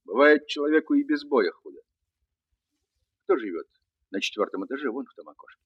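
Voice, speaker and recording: A man's voice: medium pitch, expressive, fairly quick, dull audio, natural voice. An actor playing a kindly, fatherly former soldier who talks to children in playful mock-military style. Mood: gentle, fatherly. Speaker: actor in a dramatized story. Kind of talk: dramatic film or radio acting.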